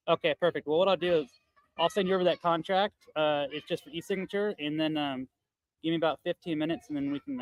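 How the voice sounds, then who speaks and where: A man working a phone sales call, talking quickly through a deal with lots of fillers and reassurances, then chatting it over with colleagues. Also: a little high, no room sound, low-quality recording. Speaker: real estate investor on sales calls. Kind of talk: live-streamed phone sales call and debrief. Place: loud area. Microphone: earbud headset mic.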